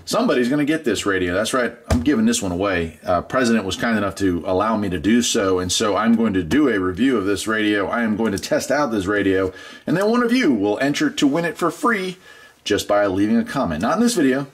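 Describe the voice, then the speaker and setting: A middle-aged product reviewer and channel host chats casually through an unboxing in a laid-back, folksy way. His voice is lowish and animated, and he talks at a quick pace.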